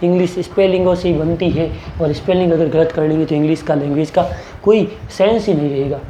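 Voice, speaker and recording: Coaching-class teacher, warm relaxed tone, question-and-answer drilling, echoey room. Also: mid-range voice, fairly quick, a little hiss or hum. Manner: asks questions and answers them, repeating key words. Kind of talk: classroom grammar lesson.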